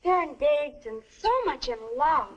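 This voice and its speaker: A woman's voice: high-pitched, expressive, unhurried, highs cut off. A young actress playing an earnest, dreamy American teenage girl in a stagy, wholesome 1950s educational film. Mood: eager, bright.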